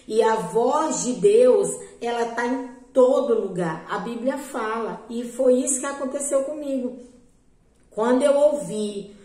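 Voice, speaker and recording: A woman's voice: fairly high pitch, a little mellow, reverberant, low-quality recording. A Brazilian woman earnestly telling a religious testimony to a group, repeating herself and often checking in with her listeners. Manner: earnest, repetitive, often asks "né?". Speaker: believer giving a testimony.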